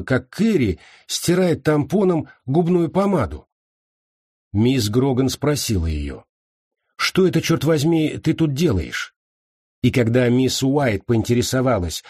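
Guy reading a novel out loud, slow and measured, kinda husky, dry close sound. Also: medium pitch, dry recording. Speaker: audiobook narrator. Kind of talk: scripted novel narration.

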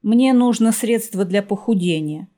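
A woman's voice: mid-range voice, measured pace, dark tone, close to an everyday voice. Woman reading a fussy, squeamish young woman. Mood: peevish. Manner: peevish, exclaiming.

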